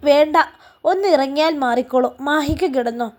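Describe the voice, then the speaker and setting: A woman's voice: high-pitched, a little fast, a little mellow, natural voice. A woman reading a storybook, voicing a hurt young wife who answers tersely and holds back tears.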